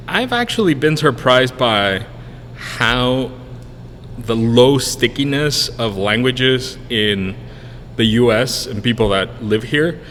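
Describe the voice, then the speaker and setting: His voice sits on the low side with a fairly bright tone. He's a brewery co-owner in his thirties, a native Spanish speaker who moved to the US from a Spanish-speaking country in 1999, guesting on a podcast. He answers questions in a meandering way, full of fillers and false starts, in a reverberant room with faint noise.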